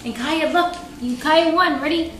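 A woman playing a board game with her small child at home, praising and guiding them in a slow, sing-song way. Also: sits high, reverberant, noisy background. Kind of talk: patient, encouraging talk to a toddler.

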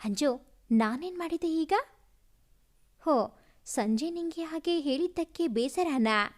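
Woman playing young husband, tender, coaxing, teasing, high voice brought down a little. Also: expressive, slow.

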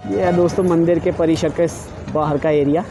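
Over loud music, a young man narrates his road trip vlog at a fairly quick clip in a steady, highish voice. He films at arm's length, chatting with viewers like friends while mildly queasy from travel sickness, first in a car on mountain roads and then outside a bustling temple.

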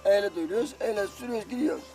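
A man's voice: sits high, very fast, gravelly, far from the mic, rough recording. An older man, a guest giving short, plain answers, away from the microphone. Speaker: beekeeper guest. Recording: off-mic, faint music behind.

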